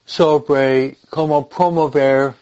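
Slow-speaking male priest with English-accented Spanish. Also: medium pitch, fairly even intonation, darkish tone, dull audio. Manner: deliberate, halting delivery with repeated phrases. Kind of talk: informal religious talk and blessing.

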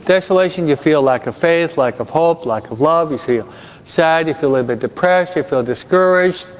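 Preacher in a reverberant hall. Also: male voice, fairly high pitch, lively intonation, moderate pace. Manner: conversational, keeps checking in with the listeners; drops Spanish words into his English. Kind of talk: sermon. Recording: dull sound with long hall reverb.

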